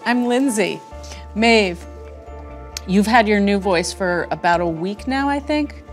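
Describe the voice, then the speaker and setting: A woman's voice: medium pitch, animated, slow pace, faint music behind. A woman reporter who interviews and explains in a friendly way and laughs easily.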